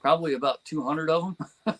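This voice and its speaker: A man's voice: fairly high pitch, fairly even intonation, moderate pace, fairly bright tone, rough recording. A man from New Jersey chatting as a guest on a fan podcast, enthusiastic and rambling, with frequent chuckles. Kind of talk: casual podcast chat.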